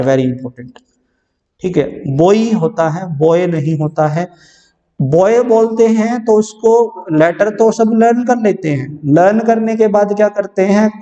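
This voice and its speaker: A man's voice: fairly high pitch, warm tone. Man drilling phonetics from across a reverberant room. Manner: repetitive drilling, modelling sounds and correcting pronunciation. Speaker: exam-prep English teacher. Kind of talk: classroom lecture. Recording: distant, dull, long-reverb room.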